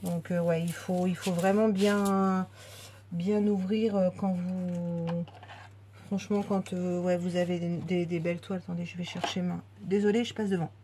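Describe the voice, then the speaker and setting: Chatty woman unboxing crafts, lowish voice. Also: level tone, normal speed, mellow, slight background noise. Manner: chatty, lots of fillers and restarts. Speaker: craft vlogger. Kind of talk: casual unboxing chat.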